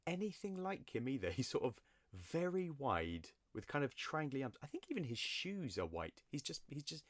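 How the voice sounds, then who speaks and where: A man's voice: medium pitch, big pitch swings, normal speed, dry recording, clean studio sound. A man hosting a casual podcast quiz, playful and teasing, often giggling. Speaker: quiz host.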